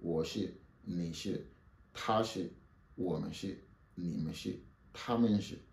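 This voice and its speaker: Guy teaching language phrases, very deep low voice, echoey room, repeats stuff slow. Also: creaky, a little mellow. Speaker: Mandarin teacher. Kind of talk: spoken language lesson.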